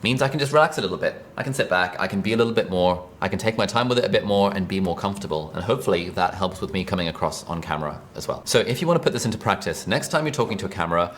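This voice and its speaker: A man's voice: low voice, a little hiss or hum. A British man teaching an online course, talking casually and chattily to camera from a desk. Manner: relaxed, chatty, fast-talking. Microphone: mic above speaker, seated at desk.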